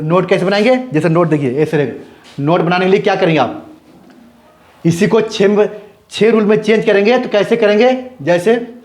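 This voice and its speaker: A man teaching English grammar in Hindi, often asking his students whether the point is clear and switching between Hindi and English example sentences. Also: high voice. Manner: repeats questions to the class, checks with "clear?". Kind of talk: Hindi-language grammar lesson.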